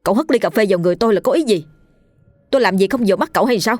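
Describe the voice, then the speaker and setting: A woman's voice: medium pitch, animated, racing, darkish tone, no echo, pitched above the performer's own voice, close to an everyday voice. A woman voicing an angry male colleague who accuses his boss sharply.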